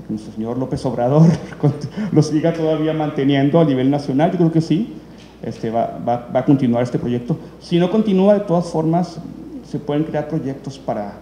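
A man's voice: medium pitch, mellow. A man, hosting an event and introducing documentaries in unscripted speech, full of fillers and restarts. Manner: rambling, many fillers and restarts. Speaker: event host presenting documentaries. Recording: echoey hall, faint room noise.

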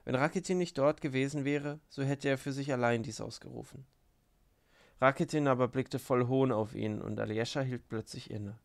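Man reading an audiobook, gravelly voice, calm and steady. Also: medium pitch, normal speed. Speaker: audiobook narrator. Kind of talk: scripted literary narration.

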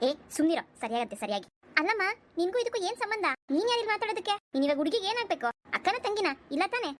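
A woman voicing a haughty middle-aged mother-in-law in a cartoon, sharp and lecturing. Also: very high voice, sing-song, very fast, a little hiss or hum. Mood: scolding. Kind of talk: cartoon voice acting.

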